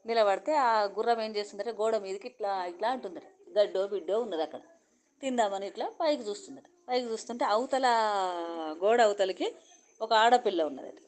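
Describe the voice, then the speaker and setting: A woman's voice: mid-range voice, a little fast, a little mellow. A woman with a Telangana accent telling a folk tale in a conversational, repetitive way. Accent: Telangana Telugu. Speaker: storyteller.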